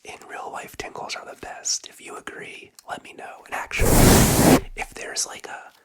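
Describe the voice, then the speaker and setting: Whispered fast aggressive ASMR, casual and chatty. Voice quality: breathy unvoiced whisper. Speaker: ASMR content creator, host. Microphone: close sensitive ASMR microphone.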